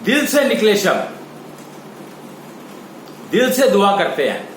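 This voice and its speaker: A man teaching a spiritual lecture, explaining in a slow, halting way with many pauses. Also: sits high, big pitch swings. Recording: echoey room with faint ambient noise.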